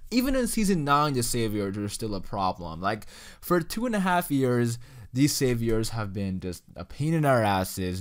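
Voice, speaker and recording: A young man giving a casual, enthusiastic ranking commentary, full of "you know" and "like.". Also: mid-range voice. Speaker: YouTube reviewer.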